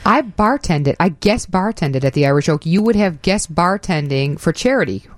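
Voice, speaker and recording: A woman's voice: lowish voice, lively intonation, moderate pace. A woman hosting a live radio show, chatting casually and effusively with guests in a studio. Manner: effusive, gushing. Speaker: radio host.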